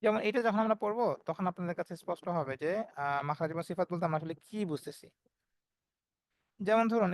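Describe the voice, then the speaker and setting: A man's voice: sits high, no echo. A man teaching Quran recitation in an online class, explaining step by step and voicing the letter sounds as examples.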